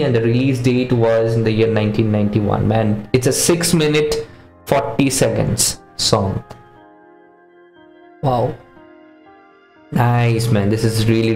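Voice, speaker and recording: A man in his thirties hosts a music reaction video, chatting casually and earnestly to camera in English, which isn't his first language; his mother tongue is neither English nor Hindi. His medium-pitched voice is a little mellow and reverberant. He's in a small home studio with posters, using a boom-mounted studio condenser mic.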